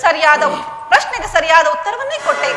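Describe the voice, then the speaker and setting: A woman's voice: extremely high pitch, big pitch swings, quick pace. A woman playing the wronged queen Draupadi in a village stage drama, declaiming with bitter, tearful scorn. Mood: proud. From Karnataka. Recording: echoey live stage recording with music.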